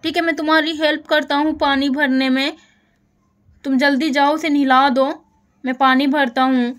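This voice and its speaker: A woman's voice: little pitch movement, normal speed, fairly bright tone. A woman voicing a young village husband in a doll story, fussy at first and then eager to help. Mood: fussing. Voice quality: same high voice as narrator, barely lowered.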